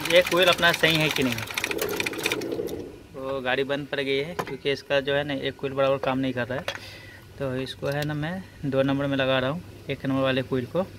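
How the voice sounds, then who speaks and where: In a noisy handheld workshop clip with engine noise, an auto electrician and video host explains a car repair step by step, informally and hands-on, often adding brief check-ins. His voice is a little high, and he works in and beside the car at the engine bay.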